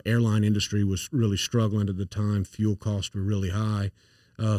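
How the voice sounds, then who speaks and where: As a guest in an interview, a company founder in his forties talks in a casual, earnest way with a south Louisiana accent, filling his speech with fillers and restarts. His pitch is fairly low and a little mellow, and the recording is dry with no echo, slightly far from the mic.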